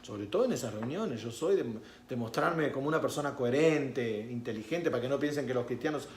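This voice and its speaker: Lively-pitched pastor preaching. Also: male voice, a little fast, reverberant, noisy background. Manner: storytelling that swings from hushed to loud and exclaiming. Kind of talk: sermon with personal testimony.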